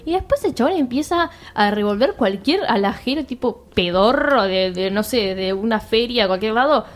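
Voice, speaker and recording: Lively Argentine woman telling a wild story. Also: fairly high pitch, moderate pace. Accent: Rioplatense Argentine Spanish. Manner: animated, slangy, laughs often, acts out quoted lines. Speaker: storyteller among friends. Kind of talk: casual chat, telling an anecdote.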